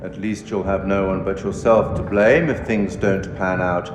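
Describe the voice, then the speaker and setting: Low-pitched and fairly even, the voice belongs to an actor playing a mysterious, sardonic curator who speaks to the player and weighs their decisions. The scripted, theatrical narration comes across as sly and inviting, delivered in a measured, formal, dryly mocking way. Music plays beneath a long hall reverb.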